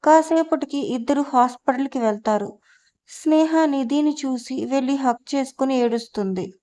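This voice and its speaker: A woman storyteller reading a novel aloud in steady narration. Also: high voice, normal speed.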